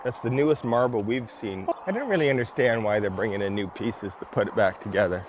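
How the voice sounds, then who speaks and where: Brief: lower-pitched male vlogger, casual and skeptical, outdoors, faint background noise. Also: a little fast. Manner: skeptical, musing aloud. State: tired from hiking. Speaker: vlog host. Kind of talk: casual walking commentary. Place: outdoor ancient ruins.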